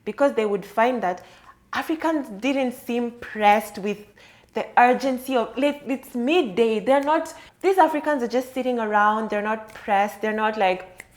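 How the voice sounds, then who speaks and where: Talking alone on her podcast, this host explains and reflects on an idea in a conversational, considered way. Her voice is fairly high and unhurried.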